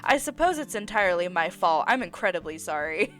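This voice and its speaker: A woman's voice: fairly low pitch, very animated, a little fast, faint music behind. A woman voicing an earnest, apologetic older male scientist while reading a dating game aloud, with formal, fretful apologies.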